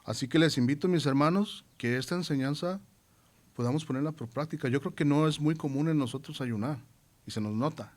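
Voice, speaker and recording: A man's voice: on the high side, a little fast. A man preaching a sermon to his congregation, earnest and repeating phrases for emphasis, then reading scripture aloud with rising intensity.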